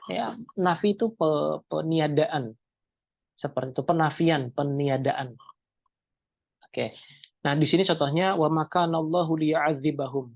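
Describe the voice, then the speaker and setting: Man, gravelly voice, dry muffled call audio, teaches step by step. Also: on the high side, no echo. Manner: explains step by step, asks and answers his own questions. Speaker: Islamic teacher. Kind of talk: online Arabic grammar class.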